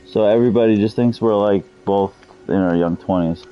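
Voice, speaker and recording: A man's voice: fairly low pitch, brisk, dull audio, faint music behind. A man in his thirties streaming a game, chatting loosely and cursing freely with his viewers. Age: 30s. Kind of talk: casual live-stream chat.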